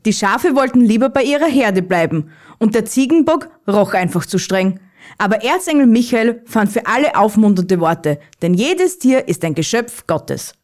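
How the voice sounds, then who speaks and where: A woman narrating a Christmas children's story in a calm, even reading voice. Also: medium pitch.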